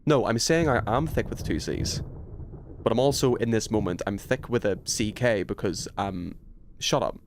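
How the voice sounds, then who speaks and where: There's a faint hiss or hum behind this young man's gravelly, lowish voice as he streams a horror game at a moderate pace. He banters casually with viewers, responding to their chat with playful teasing and a bit of light swearing.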